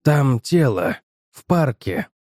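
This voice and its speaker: A man reading a frantic, shaken middle-aged shopkeeper who pleads and shouts in alarm for help. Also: mid-range voice, sing-song, takes it slowly, no room sound, clean studio sound.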